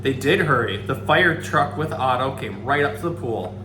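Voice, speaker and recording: A man with a mid-range voice reads a children's story aloud at a normal pace, acting out the dialogue expressively and tossing casual asides to a pet. The room is echoey, with a hum in the background.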